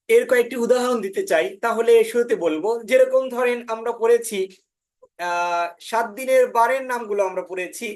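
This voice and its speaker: A woman from Bangladesh, giving an online orientation lecture as a spoken English teacher. She often pauses on "ah" fillers and says words over slowly to model how they are pronounced. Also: fairly high pitch. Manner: demonstrates pronunciations by repeating words slowly.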